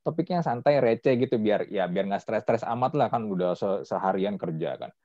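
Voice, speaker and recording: A male podcast host talks in a lively, slangy way, his low voice swinging up and down. The sound is mellow, with a dull, lo-fi quality. The room is dry, with no echo. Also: normal speed. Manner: animated, chatty storytelling with slang. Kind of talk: casual podcast chat.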